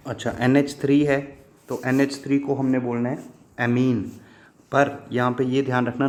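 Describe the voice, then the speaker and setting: Fondly addressing his students as children, this chemistry teacher explains the lesson patiently and repetitively, supplying answers to his own questions. He speaks with a medium pitch and a darkish tone.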